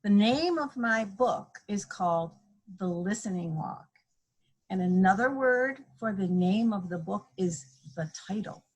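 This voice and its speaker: A woman's voice: medium pitch, lively intonation, unhurried, husky, low-quality recording. A woman reading a picture book aloud to young children, explaining things simply and playfully acting out sound effects. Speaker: guest storybook reader, a mother. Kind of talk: read-aloud children's story time, simple teacherly explaining.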